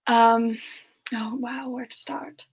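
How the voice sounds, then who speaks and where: A woman streams as a polite, gentle amnesiac frost demon reborn from long ago, softly improvising answers to viewer questions in a semi-ASMR format. Hesitant and wistful, she speaks quietly and lapses into whispers. Her husky voice is a little high, with a steady tone and a slow pace.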